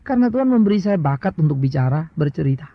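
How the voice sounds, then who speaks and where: A man's voice: fairly high pitch, sing-song, fast, no echo. A middle-aged man with an Indonesian accent preaching a sermon as a pastor, telling stories and asking rhetorical questions, with English words mixed in. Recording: dry, dull lo-fi sound.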